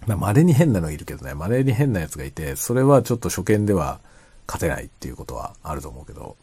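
A man chatting casually and quietly late at night, rambling as he explains, often trailing into soft asides. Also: sing-song, fast, breathy edge. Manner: quiet, low-voiced late-night talk. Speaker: streamer chatting to listeners.

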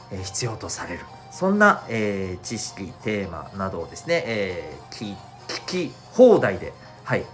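A man talks as the host of a solo podcast, courteous and chatty. His voice is stuffy and nasal, as with a blocked nose. The intonation rises and falls in an animated way, with faint music behind him. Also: on the low side. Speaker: host of an audio show for schoolchildren and parents.

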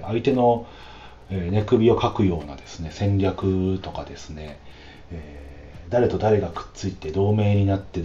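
A man hosting a casual solo podcast, talking in a chatty way with frequent drawn-out "um" fillers. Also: low-pitched, warm tone, echoey room, muffled recording, slight background noise. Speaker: podcast host.

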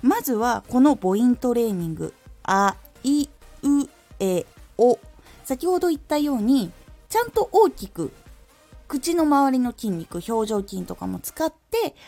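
Woman ex-voice actor giving diction tips, bouncy up-and-down voice, soft music under it. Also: on the high side. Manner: lively teacherly delivery with clear articulation demos. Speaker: former voice actor, audio-stream host. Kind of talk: instructional talk on diction.

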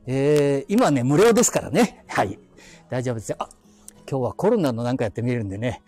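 Strolling through quiet residential streets with a phone in his hand, this live audio streamer chats in a husky Aichi (Nagoya-area) accent. His mid-range voice is sing-song, a touch fast, and slightly mellow, and faint music plays behind him. The walk-and-talk is casual and rambling, full of muttering to himself and chuckling asides.

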